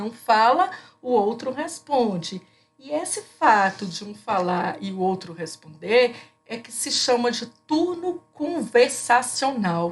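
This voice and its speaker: A woman giving a recorded lecture to her students. Her pitch sits mid-range and she talks in an explanatory way, stopping on fillers and repeating words as she thinks. Faint music plays quietly behind her. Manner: explanatory, many fillers and restarts. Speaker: teacher.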